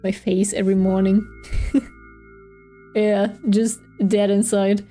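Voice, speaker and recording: Chill woman gamer chatting slow, mellow voice, lots of giggles, faint music behind. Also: mid-range voice, little pitch movement, poor audio. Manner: chatty, giggly, reads game text aloud. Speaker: streamer. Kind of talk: casual game let's play commentary.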